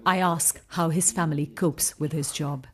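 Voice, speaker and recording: A woman reporting as a war correspondent, narrating a scripted frontline news report in a grave, measured way. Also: sits low, steady tone, husky.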